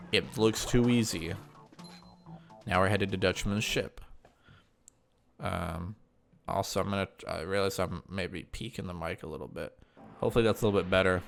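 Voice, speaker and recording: A gaming channel host with a slightly nasal voice from mild sinus congestion rambles chattily through a video game walkthrough. His voice is lowish and fairly bright, and he keeps saying um and correcting himself.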